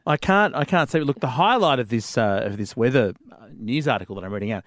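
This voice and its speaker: A man's voice: medium pitch, lively intonation, quick pace, fairly bright tone, no echo, clean studio sound. An Australian man hosting casual, joking talk radio and chatting with callers. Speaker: radio host. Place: dry radio studio.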